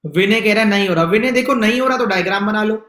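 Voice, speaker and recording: A male teacher with a Hindi accent, explaining reasoning questions in an online exam-prep class with lively, teasing asides and little acted-out dialogues. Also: sits high, quick pace, echoey room.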